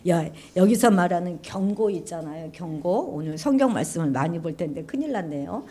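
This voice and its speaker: A woman pastor preaching a sermon in a church, animated and often asking the congregation questions. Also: fairly low pitch, a little fast, a little hiss or hum. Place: church sanctuary.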